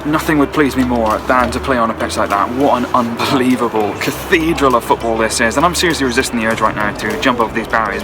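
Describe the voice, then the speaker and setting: A man in his twenties from Wales hosting a football vlog outdoors at a stadium. He talks eagerly and earnestly and piles on superlatives. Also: medium pitch. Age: 20s. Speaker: football channel host. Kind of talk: enthusiastic vlog talk to camera. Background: background music.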